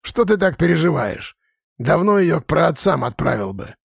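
Man voicing a gravelly orc shaman. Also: fairly high pitch, very animated, normal speed, dry recording, clean studio sound, voice pushed up, exaggerated voice. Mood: grumbling. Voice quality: gravelly, husky. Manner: grumbling, commanding. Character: gruff old male orc shaman, stern. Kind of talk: audiobook character voice.

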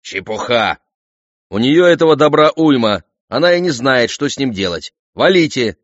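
A man voicing an arrogant, reckless king who shouts orders in a domineering way, in an audiobook. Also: mid-range voice, lively intonation, moderate pace, no room sound, dull audio, natural voice. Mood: scornful. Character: arrogant, reckless male king, loud and bossy.

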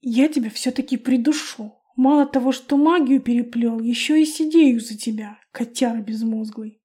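A woman's voice: fairly high pitch, moderate pace, warm tone, breathy edge. Fiery grumpy lynx girl, as a woman reads her. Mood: grumbling. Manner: snappish, scolding.

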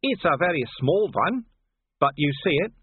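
A man's voice: on the high side, very animated, normal speed, slightly rough, dry recording, pitched above the performer's own voice, full character voice. A man voicing a dry, weary, tough male police commander in an audiobook reading, with a clipped sardonic delivery. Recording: tinny phone-like audio.

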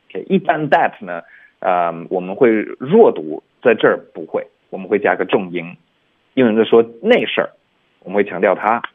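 A man teaching English pronunciation on a radio show, relaxed and repeating example phrases. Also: on the low side, husky. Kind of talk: explaining pronunciation in a radio lesson. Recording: phone-like narrow band sound.

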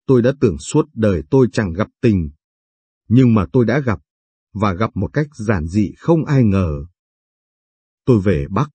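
A man narrating a late-night story reading in a slow, measured, confessional first-person manner, and hosting the reading channel. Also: on the low side, mellow, slightly rough, no room sound. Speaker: story reader, channel host.

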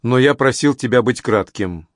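A man's voice: mid-range voice, moderate pace, no room sound, clean studio sound, natural voice. A man voicing an irritable ancient king who speaks in curt, clipped, contemptuous phrases. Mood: irritated. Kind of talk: audiobook character reading.

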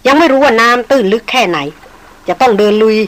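A woman voicing a calm male jungle hunter who answers anger with dry, mocking ease. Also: a little high, quick pace, poor audio. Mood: dry teasing. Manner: dry and unbothered, mildly mocking.

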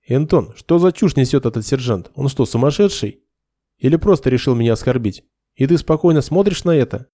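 A man's voice: mid-range voice, animated, fairly quick, mellow, no room sound, natural voice. A man voicing a vicious, contemptuous retired major of noble birth, in an audiobook reading. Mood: guarded. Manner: snarling, contemptuous.

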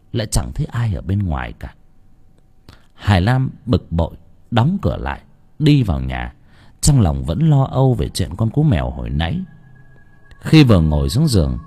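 A man's voice: low voice, very animated, moderate pace, long pauses, warm tone, husky, soft background music. A man narrating a dramatic story as an audiobook reader, with emotive delivery.

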